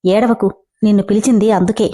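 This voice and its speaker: A woman's voice: medium pitch, steady tone, brisk, mellow, close to an everyday voice. A woman reading the lines of a playful young man who runs a company and teases his employee. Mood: teasing. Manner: teasing, joking.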